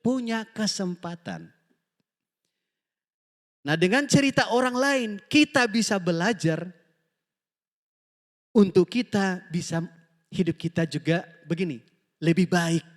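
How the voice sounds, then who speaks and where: Male pastor, high voice, animated sermon delivery, reverberant church hall. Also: takes it slowly, pauses often. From Indonesia. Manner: lively preaching, often asks the congregation for amen; animated storytelling, acts out quoted dialogue.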